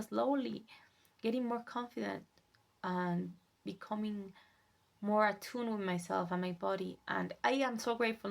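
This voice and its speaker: A young woman whose first language is Spanish, talking in a soft, gentle, reflective way in a casual self-care vlog, sometimes dropping to a whisper. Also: mid-range voice, vocal fry. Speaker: vlogger.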